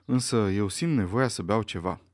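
A man reading aloud, voicing an easygoing young gentleman who talks in a casual, breezy way. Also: fairly low pitch, dry recording, clean studio sound, lightly acted.

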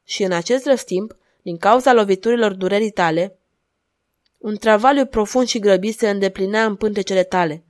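A woman reading aloud and voicing a cold, relentless duchess who speaks in an insistent, measured way. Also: mid-range voice, darkish tone, close to an everyday voice.

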